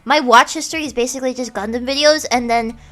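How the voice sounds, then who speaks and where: A woman's voice: high-pitched, fairly even intonation, fast, a bit bright. A young American woman streamer chatting casually and animatedly, giggling as she tells stories. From United States. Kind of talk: casual chat.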